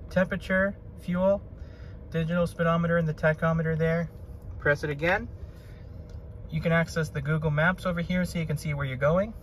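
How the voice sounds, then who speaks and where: A man's voice: a little high, a little hiss or hum. A man giving a casual car walkaround, talking in a plain, easygoing show-and-tell way with frequent fillers. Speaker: car reviewer. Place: around and inside a parked car.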